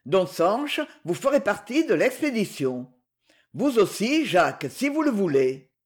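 A man's voice: high-pitched, sing-song, measured pace. A man reading a stern commanding chieftain. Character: commanding male leader of a camp, stern and resolute.

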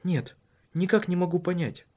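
A man's voice: high voice, normal speed, a little mellow, pitched above the performer's own voice. Man doing a hurt, pleading young wife.

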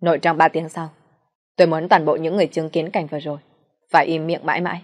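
A woman's voice: low-pitched, little pitch movement, quick pace. A woman reading an audiobook voices a cold, ruthless young male boss who gives icy commands. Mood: cold threat.

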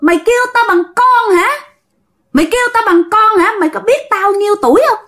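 A woman's voice: extremely high pitch, big pitch swings, normal speed, a bit bright, voice pushed up, full character voice. Woman putting on a shrieking drowned ghost demon. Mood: outraged. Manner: menacing, snarling threats. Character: vengeful drowned female ghost, nearly a hundred, turned demon.

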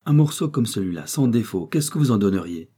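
A man's voice: lowish voice, lively intonation, mellow, husky. A man voicing a careful, proud young widow in an audiobook reading, speaking briefly and bluntly. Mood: brisk. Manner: short and brisk.

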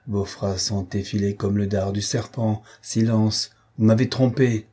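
A man's voice: on the low side, fairly even intonation, measured pace, warm tone, husky. A man voicing a dying nobleman, bitter. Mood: mournful. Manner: mournful, declamatory, grows fierce. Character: dying bitter aging male nobleman, feverish.

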